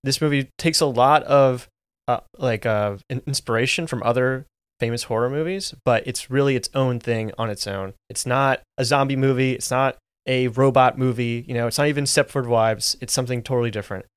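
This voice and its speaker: A man co-hosts a movie review podcast, talking with enthusiasm and plenty of ums and restarts. His voice is mid-pitched for a man. The recording is dry and close. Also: fairly even intonation, a little fast, clean tone, no echo. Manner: enthusiastic, many fillers, restarts. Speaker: podcast co-host. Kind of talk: casual movie review chat.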